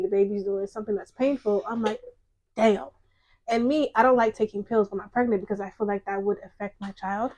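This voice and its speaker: A woman's voice: mid-range voice, a little mellow. A young woman talking casually and telling personal stories in a slangy, conversational way, often acting out bits of remembered dialogue. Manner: slangy, conversational, quotes imagined dialogue as they talk.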